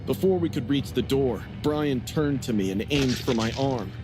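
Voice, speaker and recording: Man, scripted story narration, even telling, middle pitch, music behind. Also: normal speed.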